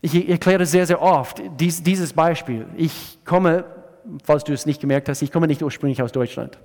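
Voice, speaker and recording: A man preaches a sermon in a slightly raised voice, with a long reverb trailing each phrase as in a church hall. He swings from loud, emphatic lines down to soft, hushed asides. He often halts and restarts his sentences. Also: a little high. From USA. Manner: halting, with frequent restarts. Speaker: pastor.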